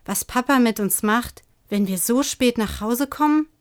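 A woman's voice: unhurried, natural voice. Woman putting on a frantic, furious young girl. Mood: angry, frantic. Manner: shrill, repeating herself insistently.

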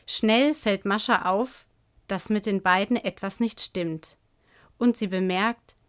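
An earnest woman presenting a novel, with a voice of ordinary middle pitch. She talks in a measured, steady way through the summary. Her voice grows a little warmer when she gives her own recommendation. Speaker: book reviewer. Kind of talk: book presentation with read excerpt.

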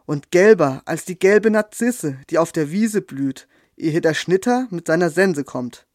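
A man voicing a vain male yellow rose bush in a storybook tale, speaking slowly and grandly. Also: a little high, lively intonation, dry recording, studio quality. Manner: slow, loud, grand.

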